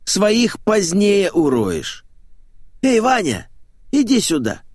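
A man voicing a loud, flamboyant man who dresses like a parrot, brash and slangy, in an audiobook. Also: sits high, huge pitch swings, husky, dry recording, clean studio sound, voice pushed up, full character voice. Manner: brash, slangy, drawn-out exclamations. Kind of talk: audiobook character voice.

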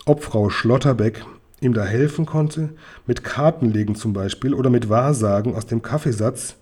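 Guy reading a kids' storybook out loud, calm and even, dark mellow voice. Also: mid-range voice, normal speed. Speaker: reader. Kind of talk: reading a children's book aloud.

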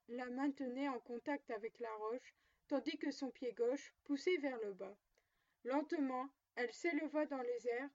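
A woman reads a novel chapter aloud in a steady storytelling manner. Her voice sits high. The recording is dull and lo-fi. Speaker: audiobook reader. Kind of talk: audiobook narration.

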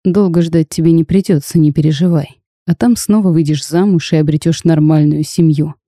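A woman's voice: sits low, moderate pace, no echo, clean studio sound. A woman reading a curt cursed dragon duke. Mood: cold. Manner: flat, terse, reserved.

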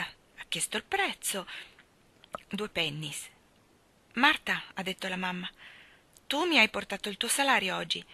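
A woman's voice: fairly high pitch, pushed and bright, exaggerated voice. A woman voicing a cheerful, chatty young housemaid who tells homely stories in a storybook reading.

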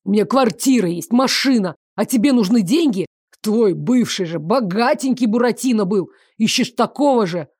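A woman reading the part of a jealous man who shouts accusations and then begs. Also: mid-range voice, lively intonation, normal speed, no room sound, clean studio sound, lightly acted. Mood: shouting angrily. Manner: loud and accusing, then begging. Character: angry pleading man, jealous ex-lover.

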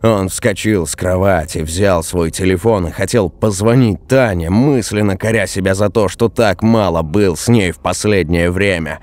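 A man narrating a horror story in a steady storytelling voice. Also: low-pitched, moderate pace, few pauses.

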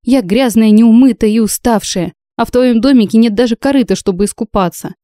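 A woman's voice: a little high, a little fast, mellow, no echo, clean studio sound, pitched above the performer's own voice, lightly acted. Woman playing a stubborn, sarcastic young heroine. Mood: indignant. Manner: indignant, sarcastic retorts.

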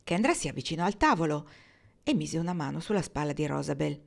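A woman reads a novel aloud in a measured, expressive way. Her voice sits fairly low for a woman. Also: creaky. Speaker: audiobook reader. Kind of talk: novel narration.

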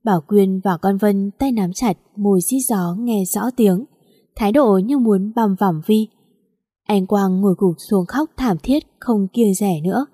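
A woman reading a storybook aloud in steady scripted narration. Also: mid-range voice, measured pace, breathy edge, dry recording, clean studio sound.

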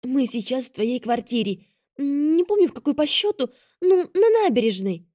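A frightened, anxious sister, played by a woman reader, pleading in a nervous half-whisper. The voice sits higher than the narration, close and dry. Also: lively intonation, normal speed, mellow, no room sound. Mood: worried, pleading.

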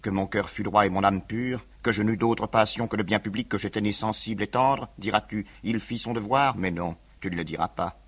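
A man's voice: on the low side, a little fast, hardly any pauses, a bit bright. An actor playing a brooding, fanatical young male revolutionary in a 1950s radio reading, with grave, solemn declamation. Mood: grave, somber.

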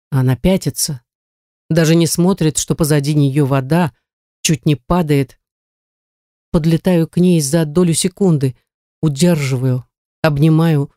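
An audiobook reader telling a first-person story in a measured, wry way, into a close mic. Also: medium pitch, dark tone, dry recording.

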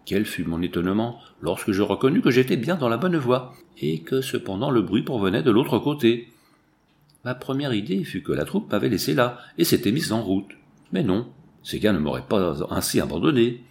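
A man reading a classic adventure novel aloud in steady, measured narration, with slight shifts for the quoted voices. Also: mid-range voice, creaky. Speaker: audiobook reader.

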